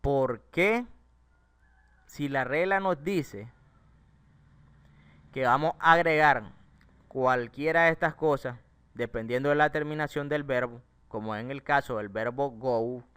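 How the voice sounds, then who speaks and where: A Spanish-speaking man teaches English grammar step by step, putting rhetorical questions to his class as he goes. His mid-range voice is slightly bright and smooth, and he speaks unhurriedly with frequent pauses.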